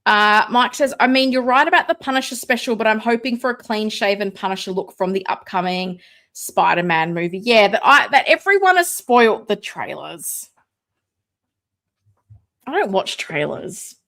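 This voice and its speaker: Expressive and a bit bright at a moderate pace, a woman chats casually while hosting a live toy collecting stream. She reads out viewer comments and unboxes a figure, calling her own voice booming, and now and then moves away from her desk mic.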